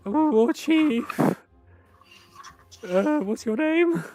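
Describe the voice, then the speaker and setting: A man voicing a plump, balding lord who is cowardly and tearful, pleading in a high, panicky voice. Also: lively intonation, drawn-out words, warm tone, soft background music, heavily acted. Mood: flustered.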